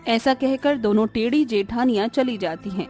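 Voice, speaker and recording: A woman reading scripted narration for a cartoon story in an even, plain manner. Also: fairly high pitch, moderate pace, faint music behind.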